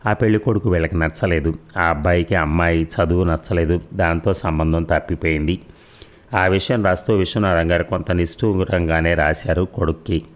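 A man narrating a serialized audio story in a steady, measured reading. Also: low voice. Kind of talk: read-aloud serial narration.

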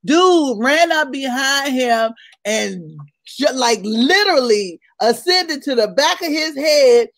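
A woman co-hosting a casual morning chat show, loud and laughing as she tells stories and gossips. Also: high-pitched, expressive, slow pace, no room sound. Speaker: co-host.

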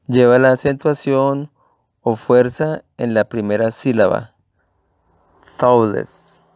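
A man's voice: medium pitch, unhurried, darkish tone, clean tone, no room sound, studio quality. A man teaching English pronunciation to Spanish speakers, patiently repeating and spelling out each word.

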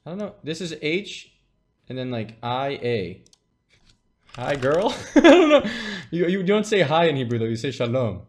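A man's voice: fairly high pitch, very animated, moderate pace. A man in his late twenties streaming from a small room at his desk, casually thinking aloud, joking and swearing. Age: late 20s. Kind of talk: casual live-stream commentary.

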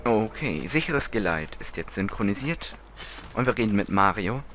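A man's voice: lowish voice, animated, normal speed, slight background noise. A man giving casual gameplay commentary as a let's play host, chatty and often correcting himself. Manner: chatty, self-correcting, frustrated at times. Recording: commentary over loud game music.

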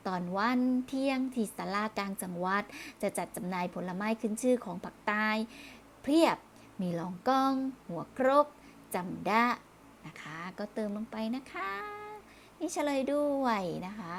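A woman's voice: medium pitch, normal speed, slight background noise. A woman teaching primary school children in a recorded review lesson, speaking patiently, repeating words and closing phrases politely.

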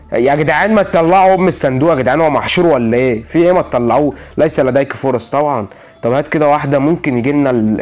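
Young Egyptian-accented male gamer, mid-pitched, rattling off frustrated commentary at top speed. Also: darkish tone. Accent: Egyptian Arabic. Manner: exasperated, repeating himself, pleading with the game. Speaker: gaming channel host. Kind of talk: gaming commentary while opening loot boxes.

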